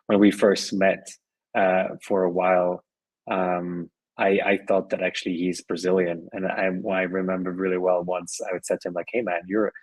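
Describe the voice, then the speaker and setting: A middle-aged venture investor from Switzerland and Colombia talks as a podcast guest, his low voice carrying a breathy edge. He speaks in a relaxed, conversational manner, often restarting and repeating words. The recording is rough, with no room sound.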